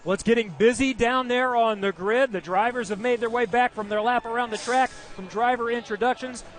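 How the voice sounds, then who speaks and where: A man hosting a live race broadcast, smoothly handing off to the next segment. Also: extremely high pitch, a little fast. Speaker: broadcast host.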